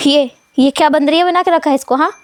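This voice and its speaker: Woman doing a gruff scolding young man. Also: high-pitched, steady tone, fast talker, no echo, lightly acted. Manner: gruff, threatening, teasing.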